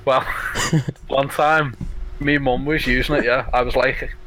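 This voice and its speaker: A man's voice: mid-range voice, a little slow, background noise. A man from Liverpool with a strong Scouse accent, chatting casually and telling sweary anecdotes as a podcast co-host. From Liverpool, England. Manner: sweary, animated storytelling.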